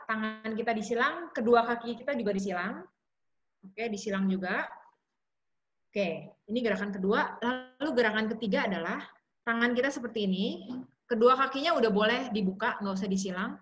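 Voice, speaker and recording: Chatty woman on a dull online call. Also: medium pitch. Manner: chatty, warm asides, frequent fillers. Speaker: speaker at an online support session. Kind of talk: casual talk with guided exercises.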